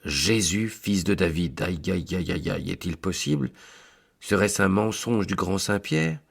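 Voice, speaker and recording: A man's voice: deep voice, expressive, unhurried, creaky, breathy edge, heavily acted. A man voicing an anxious village priest, pleading and exclaiming in dismay.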